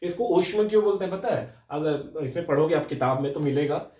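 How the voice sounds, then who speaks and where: A man's voice: a little high, animated, fairly quick, warm tone, reverberant, far from the mic, dull audio. A young man teaching a Hindi grammar lecture for exam aspirants, explaining patiently, repeating words and often checking in with his students.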